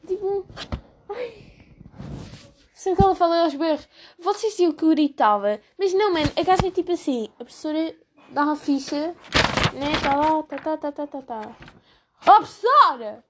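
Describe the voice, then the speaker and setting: A woman's voice: high voice, moderate pace, background noise. A teenage girl with a European Portuguese accent, chatting casually and gossiping about her class in a slangy way. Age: teens. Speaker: student vlogger. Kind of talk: casual chat.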